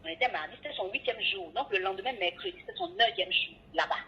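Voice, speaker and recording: Recounting an ordeal in a phone interview, a woman who works as a radio and TV presenter gives a lively retelling, voicing every character in the dialogue herself. Her mid-range voice moves at a quick pace over a tinny line with slight background noise.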